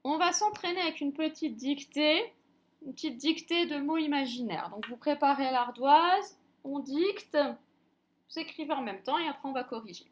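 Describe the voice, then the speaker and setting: A woman teaching a reading lesson to young children, speaking slowly and sounding out each syllable with careful articulation. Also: sits high, expressive. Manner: slow, clearly articulated, drawing out sounds. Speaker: primary school teacher.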